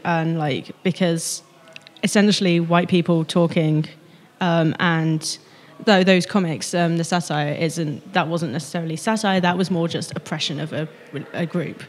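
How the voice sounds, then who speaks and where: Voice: medium pitch, moderate pace, long reverb tail. A young student giving blunt, frank, casual answers to street questions. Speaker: student interviewee. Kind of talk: casual vox-pop answers.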